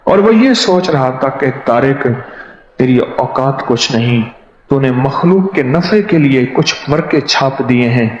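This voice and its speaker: A man's voice: medium pitch, expressive, a little hiss or hum. A man preaching a sermon through anecdotes, who acts out the other people in his stories. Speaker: spiritual preacher. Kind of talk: storytelling sermon. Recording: echoey hall, dull lo-fi sound.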